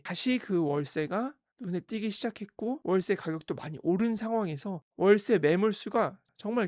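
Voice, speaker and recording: A man's voice: sits high, no room sound, clean studio sound. A man hosting a real estate channel, giving casual, sarcastic commentary on housing prices and a televised debate. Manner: sarcastic, talks over quoted debate clips.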